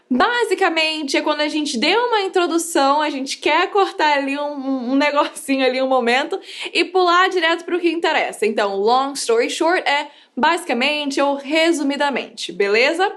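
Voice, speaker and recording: Young woman teaching english in a casual video, high bright voice, chatty, lots of like and um. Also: moderate pace. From United States. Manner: chatty and animated, lots of fillers; lively, playful teaching tone.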